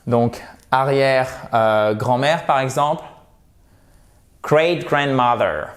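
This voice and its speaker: A man teaching English vocabulary as a lesson to camera, repeating words slowly and chatting between pronunciation drills. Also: medium pitch. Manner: slow, drawn-out pronunciation drills, chatty asides.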